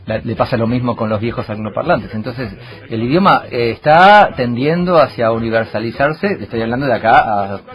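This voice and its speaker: A man, hosting a radio show and rambling through a comic monologue full of fillers and asides. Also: mid-range voice.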